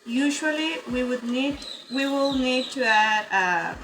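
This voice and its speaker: A woman's voice: sits high, lively intonation, measured pace, over music, poor audio. A woman teaching an online English grammar lesson, explaining patiently and checking in with her students often. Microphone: computer mic in virtual session.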